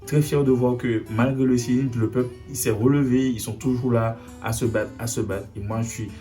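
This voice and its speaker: A man's voice: mid-range voice, fairly even intonation, fairly quick, mellow. A young man from Haiti speaking earnestly to camera in a personal video message, often repeating himself to drive his point home. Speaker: vlogger. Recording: faint guitar music behind.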